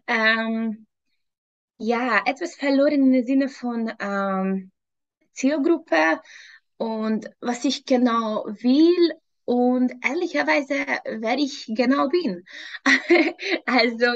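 Speaking from a room at home over a video call, a Hungarian fitness trainer in her thirties answers interview questions with a Hungarian accent. She is hesitant, fills her answers with ums, and laughs often. Her voice is a little high, and the audio has its highs cut off.

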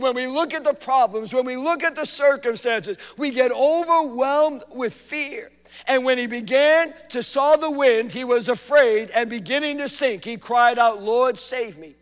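A man preaching a sermon as pastor, swinging between hushed asides and loud, emphatic lines. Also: very high voice, long reverb tail. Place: church sanctuary.

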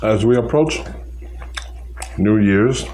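A man's voice: fairly low pitch, slow pace, a little mellow, slight background noise, poor audio. A man eating on camera for a casual vlog, chewing while talking, rambling with fillers and restarts. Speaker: mukbang vlogger.

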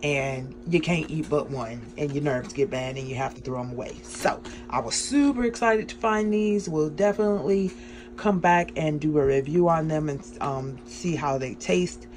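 A woman chatting excitedly in a casual grocery haul vlog from a small home kitchen, with many ums along the way. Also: low-pitched, normal speed. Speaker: vlogger.

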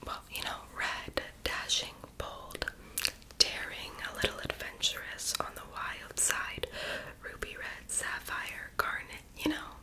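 A young woman doing a whispered role-play in a breathy, unvoiced ASMR whisper with tingly mouth sounds. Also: slow pace, low-quality recording. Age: young adult. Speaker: ASMR performer playing a friend doing homework and makeup on the listener. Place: small bedroom, indoors.

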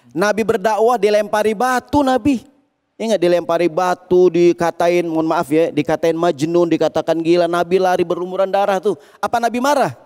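A male preacher giving a lively televised religious talk, telling stories and chanting verses slowly. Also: fairly high pitch, clear, resonant tone, big-room sound.

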